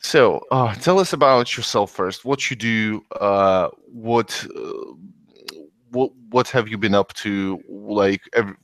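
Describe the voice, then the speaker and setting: A man hosting a casual political podcast. He reads out announcements and chats in a halting way, with many ums and restarts. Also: fairly low pitch, a bit bright, no echo. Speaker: podcast host.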